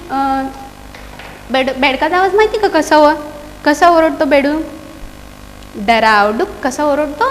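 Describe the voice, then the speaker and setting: High-voiced woman teacher coaxing young pupils. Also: long reverb tail. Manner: coaxing, asks pupils many questions, chants rhymes slowly. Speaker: primary school teacher. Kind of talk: teaching a children's poem in an online class.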